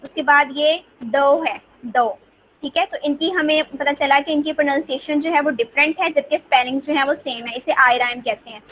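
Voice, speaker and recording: High-voiced woman teaching in Hindi. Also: steady tone, a bit bright, slight background noise, rough recording. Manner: explains in Hindi mixed with English, reads English definitions slowly. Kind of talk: lecture on rhyme types.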